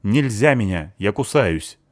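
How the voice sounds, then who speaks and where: A man reading the part of a rude, sharp-tongued eighteen-year-old girl who snaps and mocks, in a dry close recording. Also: mid-range voice, big pitch swings, a little fast, no echo, voice pushed up, natural voice. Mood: snappy. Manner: snappy, rude, mocking.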